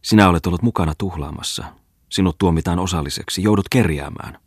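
A man's voice: sits low, breathy edge, no echo, clean studio sound. A man playing a bitter, ruined old merchant. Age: older. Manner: bitter and reproachful.

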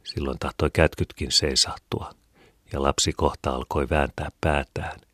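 Male audiobook reader, very low voice, measured and even, dead-dry booth sound. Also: no room sound. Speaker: audiobook narrator. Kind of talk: scripted narration of a classic novel.

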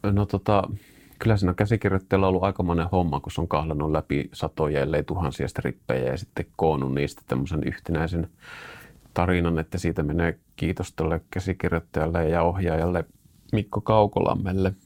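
A man's voice: low-pitched, steady tone, darkish tone, no echo. A man, a comic strip artist, answering interview questions in a hesitant, musing way.

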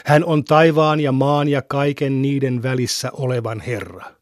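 A man's voice: mid-range voice, dry recording. Man reading scripture, dry close sound. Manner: measured, even recitation. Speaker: scripture reader.

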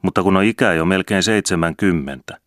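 A man's voice: deep voice, fairly bright tone, no echo, studio quality, pitched above the performer's own voice. A man voicing an anxious elderly peasant woman, the sister in a story reading, speaking eagerly and with worry. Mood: pleading.

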